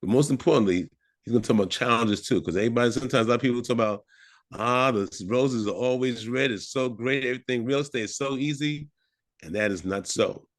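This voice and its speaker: A man's voice: mid-range voice, fast. A man hosting an online networking meetup over a video call, calling on attendees by name in a friendly way. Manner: friendly, calls on people by name. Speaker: meetup host.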